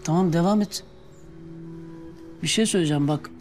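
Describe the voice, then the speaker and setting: An actor playing an easygoing, gently teasing man in a TV drama, light and reasonable in how he talks. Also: on the high side, moderate pace, faint music behind, natural voice. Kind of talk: TV drama acting.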